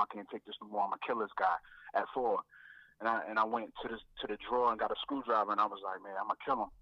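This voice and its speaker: A man, a guest rapper, telling his faith story in a reflective way, often repeating words and filling pauses. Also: lowish voice, no echo, dull audio.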